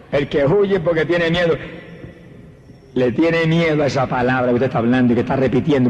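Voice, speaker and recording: An older man with a Puerto Rican accent preaching a fervent Pentecostal sermon, exhorting his listeners and moving between slow, emphatic phrases and rapid bursts. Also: mid-range voice, darkish tone, highs cut off. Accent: Puerto Rican Spanish. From Puerto Rico. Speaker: evangelist preacher. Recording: archival sermon with hall reverb and faint hiss.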